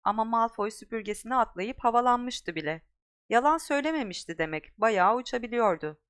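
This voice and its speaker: Clear-voiced woman reading an audiobook. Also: on the high side. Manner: expressive, dramatic storytelling. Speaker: audiobook reader. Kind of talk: scripted audiobook narration.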